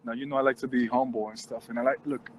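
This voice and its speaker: A man hosting a show, telling a funny work story in a casual, animated way and acting out what people said. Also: medium pitch, quick pace, slight background noise, low-quality recording. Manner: animated, expressive, acts out quotes. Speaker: host.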